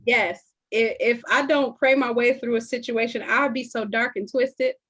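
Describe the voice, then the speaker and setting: A woman's voice: fairly high pitch, fairly even intonation, moderate pace, fairly bright tone, breathy edge. Woman host chatting, lo-fi sound. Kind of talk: casual chat.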